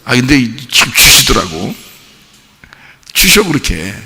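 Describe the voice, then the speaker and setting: A male pastor preaching a sermon. He swings from quiet musing to shouted, childlike pleading. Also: medium pitch, big pitch swings, a little slow, creaky, long reverb tail, heavy background noise. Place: church sanctuary.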